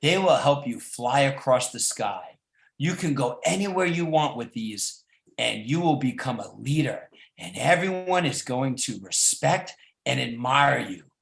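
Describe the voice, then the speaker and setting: A man voicing calm, proud eagle parents reassuring their baby in a children's story. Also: mid-range voice, unhurried, gravelly. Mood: encouraging. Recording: echoey room.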